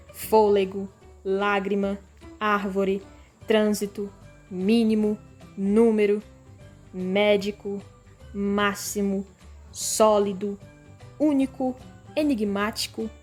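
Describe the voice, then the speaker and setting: A Brazilian woman teacher giving a recorded grade-school language lesson, calling the class "pessoal" and drawing words out slowly so pupils can hear the stressed syllable. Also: a little high, a little mellow. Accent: Brazilian Portuguese. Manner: slow, stretched-out word readings for pupils.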